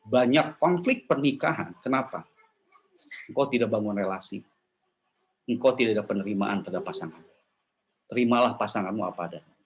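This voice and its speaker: A man giving a lively, casual sermon to a women's church gathering, asking the audience questions and slipping into quoted voices. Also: on the low side, brisk, long pauses. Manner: animated, jumps into playful quoted voices and asks the audience questions; casual slangy talk mixed with formal preaching.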